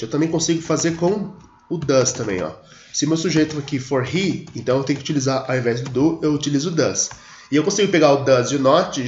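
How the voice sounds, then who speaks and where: A man teaching an English grammar lesson, explaining patiently, stretching his example sentences and checking in with his students. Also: fairly high pitch. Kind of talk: screen-recorded grammar lesson. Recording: echoey room, dull lo-fi audio.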